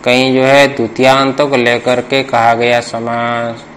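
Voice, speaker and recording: A man's voice: mid-range voice, completely flat delivery, unhurried, fairly bright tone, a little hiss or hum, rough recording. A man teaching Sanskrit grammar in a traditional classroom lesson, repeating points and quizzing students for answers.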